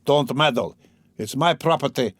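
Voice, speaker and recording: A man's voice: mid-range voice, normal speed, no room sound, natural voice. A man doing Mikolka, a raging drunken peasant. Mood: furious. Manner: shouting ferociously. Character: brutal drunken peasant man, cart owner.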